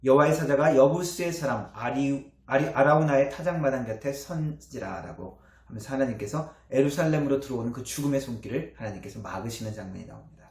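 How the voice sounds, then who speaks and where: Korean church pastor guy preaching, mid-pitch voice, roomy echo, phrases rise then trail off soft. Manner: earnest preaching with rising emphasis and soft trailing endings. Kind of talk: sermon. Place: church sanctuary. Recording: echoey church hall.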